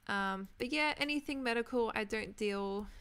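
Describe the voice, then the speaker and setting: A woman's voice: on the high side, moderate pace, fairly bright tone, smooth. A woman in her twenties with an Australian accent, chatting casually with viewers while playing a building game. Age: 20s. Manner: chatty, rambling, answers viewers' comments. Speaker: Minecraft streamer. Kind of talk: casual chat while gaming.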